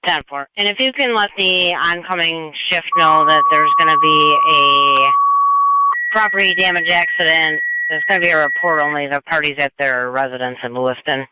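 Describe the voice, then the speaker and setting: A man's voice: a little high, moderate pace. A man on emergency two-way radio, giving plain, informal instructions between short codes. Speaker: emergency services radio operator. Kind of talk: police radio traffic. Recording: very noisy clicking scanner radio.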